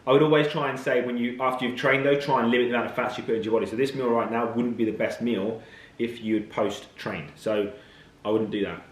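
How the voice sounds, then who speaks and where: A man's voice: mid-range voice, fairly even intonation, fast, roomy sound. A man, a fitness coach talking casually to camera, chatty and blunt. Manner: chatty, blunt, matter-of-fact. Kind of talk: casual vlog talk to camera.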